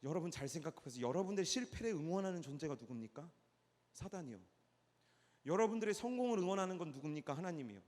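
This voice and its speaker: A man preaching a youth church sermon, moving from hushed murmurs to shouted calls and calling out names. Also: a little high, lively intonation, quick pace. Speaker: youth pastor. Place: church hall. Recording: echoey church hall, long reverb.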